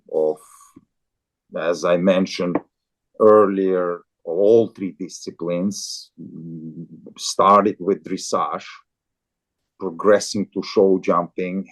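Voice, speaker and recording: Slow, deep-voiced man from Azerbaijan. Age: 40s. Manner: halting, repeats and restarts words, with occasional chuckles. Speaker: guest, farrier and show jumper. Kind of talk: casual interview talk.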